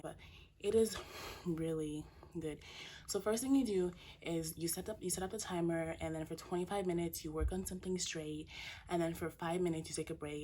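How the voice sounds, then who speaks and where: Young woman student vlogger, low mellow husky voice, chatty. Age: young adult. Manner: chatty, heavy on "like" fillers. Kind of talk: casual advice vlog.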